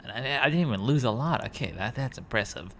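A man's voice: medium pitch, expressive, fast talker, a bit bright, slight background noise. A man giving rambling gameplay commentary, thinking aloud and correcting himself as he goes. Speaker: gaming commentator.

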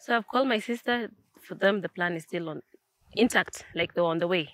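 A young woman with a Kenyan accent, a guest telling a personal story in relaxed conversation, reflective and slipping into Swahili phrases. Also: lowish voice, a little fast. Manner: reflective, mixes in Swahili phrases, frequent restarts. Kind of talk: personal storytelling in casual chat.

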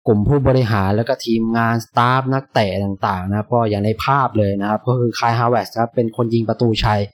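A man hosting a relaxed post-match chat for fellow football fans, talking in a polite, easygoing ramble. He thinks aloud, hesitates now and then, and pads his phrases with soft filler words. His voice sits at an ordinary middle pitch, recorded dry and close with no room sound. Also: dry recording. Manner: polite, chatty, padding sentences with soft filler particles. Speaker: football fan channel host.

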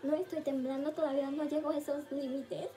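A young woman vlogs her reaction to a music video in a high, mellow voice, gushing and exclaiming and at times dropping to a hush. Music plays faintly behind her. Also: little pitch movement, brisk. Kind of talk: excited reaction vlog.

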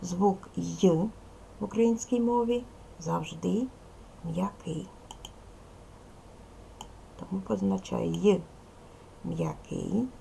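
A woman teaching a recorded lesson to young children, speaking slowly and carefully and addressing them directly as a primary school teacher. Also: medium pitch, gravelly, mellow, slight background noise, poor audio.

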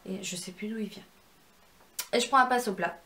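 A woman's voice: medium pitch, brisk, sharp tone. A young woman walking viewers through a makeup tutorial in a chatty, instructive way, with self-deprecating asides. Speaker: beauty vlogger.

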